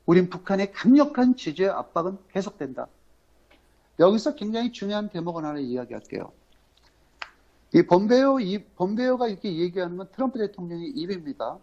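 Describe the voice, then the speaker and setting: A man from Incheon hosting a political livestream, talking in a rambling, halting way full of fillers and emphatic rhetorical questions. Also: sits high, animated, a little mellow. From Incheon, South Korea. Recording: dull lo-fi audio.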